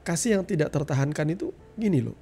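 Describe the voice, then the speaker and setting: A man's voice: a little high, animated, quick pace, warm tone, faint music behind. A middle-aged man giving an earnest testimony sermon, speaking directly to his listeners as a preacher. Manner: earnest, addresses listeners as "saudara".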